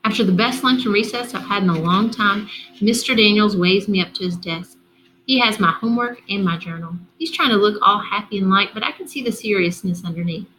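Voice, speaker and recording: A woman's voice: mid-range voice, brisk, low-quality recording. Woman reading a storybook aloud. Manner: steady, expressive reading. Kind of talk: first-person storybook read-aloud.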